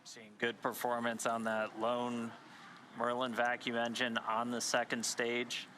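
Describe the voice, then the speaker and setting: A man delivers live technical commentary for a launch webcast. His voice sits at a medium pitch, and noise is clearly audible behind him. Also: completely flat delivery, measured pace, pushed and bright.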